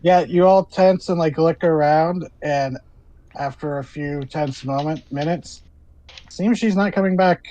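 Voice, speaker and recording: A man's voice: on the high side, measured pace, mellow, muffled recording. A man narrating a tabletop role-playing game as game master, describing scenes in a conversational way with asides.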